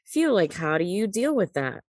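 A woman from the United States hosting a podcast interview, chatty and lively with many fillers. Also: fairly low pitch, normal speed, dry recording, clean studio sound. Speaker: podcast host.

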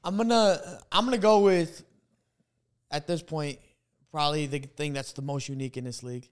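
A man's voice: a little high, steady tone, normal speed, smooth. A man talking like a frat bro, with slangy, profane casual banter as a panelist in a sports draft game.

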